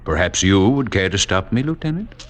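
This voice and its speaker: An actor playing a suave villainous doctor, formal and over-polite with menace, in a 1940s radio drama. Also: male voice, deep voice, sing-song, normal speed. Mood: politely menacing. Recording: noisy 1940s radio recording.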